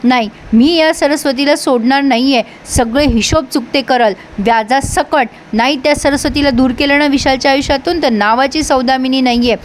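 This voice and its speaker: A woman's voice: high voice, normal speed, few pauses, a little hiss or hum, natural voice. A woman reading out the lines of a haughty, scheming rich mother in a scornful, cold way. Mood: vengeful.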